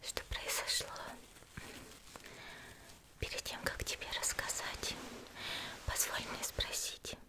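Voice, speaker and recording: Close to the mic, a woman whispers as a young demon slayer healer who is gentle and composed, lightly acted. Her slow, soothing delivery carries polite teasing and a gently curious mood.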